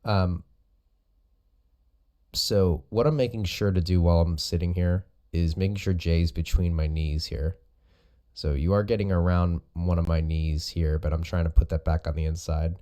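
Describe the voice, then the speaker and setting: A man's voice: sits low, fairly even intonation, moderate pace, dark tone. A man speaking as a host and coach, giving casual, informal explanatory commentary over recorded sparring footage. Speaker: host and jiu-jitsu coach.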